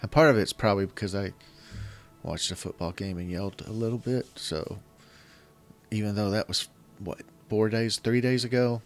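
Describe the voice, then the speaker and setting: This is a man with a fairly low pitch, his voice a bit rough from being ill and shouting, hosting a gaming channel. He offers relaxed commentary on a strategy game, reasoning aloud in hesitant bursts and restarting sentences midway. Game music sits faintly in the background.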